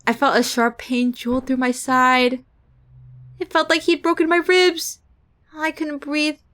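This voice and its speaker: A young woman streaming a visual novel, reading its text aloud in an animated, giggly way and swearing freely. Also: sits high, a little slow.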